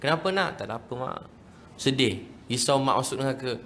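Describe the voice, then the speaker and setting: A man's voice: medium pitch, fairly quick, fairly bright tone, slight background noise. A man with a Malaysian Malay accent preaching a storytelling sermon, emotional and acting out the voices in his story while speaking straight to his audience. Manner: emotional, acts out quoted voices, addresses audience directly.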